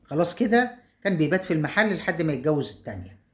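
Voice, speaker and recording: A woman's voice: low voice, sing-song, very fast. A woman with an Egyptian accent telling a story casually, chatty, with asides to her viewers. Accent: Egyptian Arabic.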